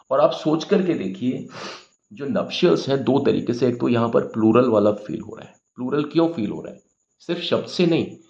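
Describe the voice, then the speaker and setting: A man's voice: mid-range voice, creaky, a little mellow, muffled recording. A man teaching English grammar in Hindi, patiently explaining words and often checking with "okay?".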